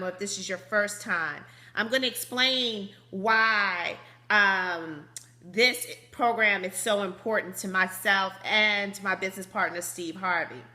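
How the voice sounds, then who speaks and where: A woman in her thirties with a high, slightly squeaky, sharp voice hosts a business conference call over a phone line. She's bubbly and chatty, laughs often, and keeps the talk upbeat and motivational.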